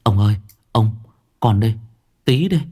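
A man's voice: fairly low pitch, expressive, moderate pace, dark tone. A man voicing an anxious young male household servant who stammers and pleads with his master. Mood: worried.

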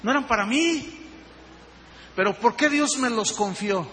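A man preaching a sermon as pastor, telling stories in an animated way and acting out the dialogue. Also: extremely high pitch, measured pace. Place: church hall. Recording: reverberant hall with faint noise.

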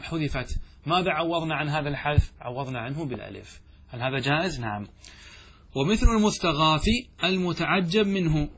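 A man's voice: a little high, a bit bright, slightly rough. A man teaching a classical Arabic grammar text, reading lines aloud and explaining them, often asking questions and answering them himself. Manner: slows and stretches example phrases.

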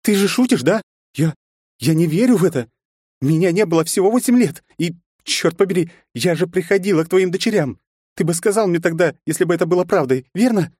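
Man voicing a shrill distraught woman. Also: lively intonation, brisk, darkish tone, husky, no echo, studio quality. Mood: shocked. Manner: shrill, pleading and accusing. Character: distraught fiery woman, Yufi. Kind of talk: audiobook character voice.

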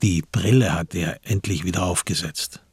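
Husky man, lowish voice, radio play narrator, dry studio. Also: normal speed, no echo. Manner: even, literary storytelling.

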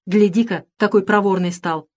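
A woman's voice: medium pitch, steady tone, normal speed, lightly acted. A woman reading a storybook, voicing a bold, cheerful male outlaw leader who gives orders. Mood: commanding. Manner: commanding, jovial.

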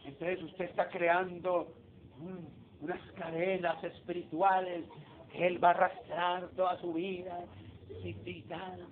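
A man preaches in a very high voice, talking with his congregation rather than at them and firing off rhetorical questions. The recording is thin and phone-like, with a faint hiss underneath. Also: little pitch movement, slow pace. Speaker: pastor. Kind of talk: sermon.

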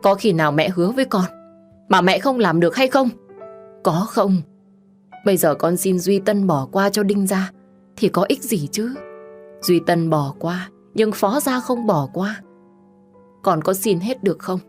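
A woman's voice: medium pitch, lively intonation, unhurried, pauses often, faint music behind, close to an everyday voice. Woman doing a stern, grieving mother-in-law. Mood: reproachful. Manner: scolding, reproachful questions.

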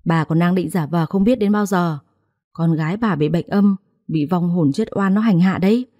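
A stern, blunt young husband in a storybook drama, as a woman narrator puts him on. He speaks curtly in a low, mellow voice, recorded dry and close. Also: normal speed, no echo, close to an everyday voice. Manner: stern, curt.

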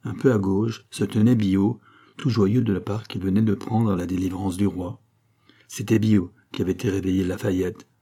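A man reading a classic novel aloud as an audiobook narrator, steady and measured. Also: deep voice, breathy edge. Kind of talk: scripted narration.

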